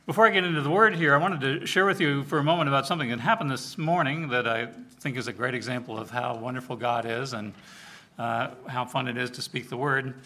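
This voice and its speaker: Speaking quickly at a medium pitch, a man who oversees his church's outreach preaches informally to the congregation. He's an animated, conversational storyteller, sharing personal anecdotes and performing the dialogue.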